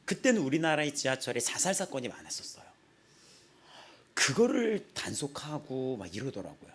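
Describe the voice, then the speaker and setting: A young man in his twenties preaching a casual sermon in a small church, telling personal stories with lively acted-out quotes and frequent laughter. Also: medium pitch, normal speed, husky. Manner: animated storytelling, acts out quotes, laughs often. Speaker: pastor.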